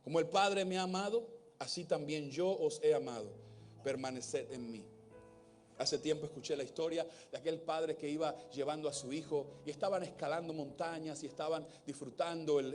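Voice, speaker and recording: High-voiced man preaching a sermon. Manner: preaching with rising emphatic peaks and soft low asides. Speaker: pastor. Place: church.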